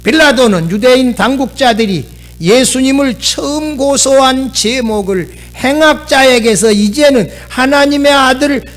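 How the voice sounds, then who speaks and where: A middle-aged man, preaching a sermon as pastor in an animated way, acting out quoted lines. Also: very high voice, measured pace, faint music behind.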